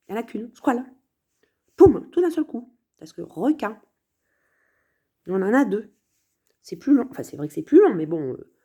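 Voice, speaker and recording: A woman's voice: fairly high pitch, darkish tone, breathy edge. A woman musing aloud in a casual vlog monologue, hesitant, with many fillers and restarts.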